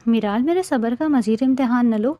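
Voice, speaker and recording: A woman voices a possessive young Pathan husband in a romantic audiobook. He teases with a mellow, dry close tone. He is protective and stubborn. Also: on the high side, dry recording, natural voice. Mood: teasing. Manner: intense, then playfully teasing.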